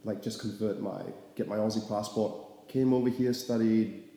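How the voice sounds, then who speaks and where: Speaking at a normal pace in a lowish voice, a young man from Singapore, an artist, loosely recounts his path in a casual interview, relaxed and full of fillers. The room is echoey, leaving a long reverb behind him.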